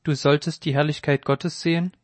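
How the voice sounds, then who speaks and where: A man reading Jesus, solemn and measured. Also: on the high side, little pitch movement, dry recording, natural voice. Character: Jesus, a calm grave man teaching. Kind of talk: Bible reading.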